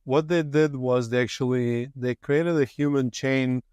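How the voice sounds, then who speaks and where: Relaxed man from Latvia, podcast host. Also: medium pitch, a little slow, clear, resonant tone, dry recording. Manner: relaxed, many fillers. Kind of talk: casual interview chat.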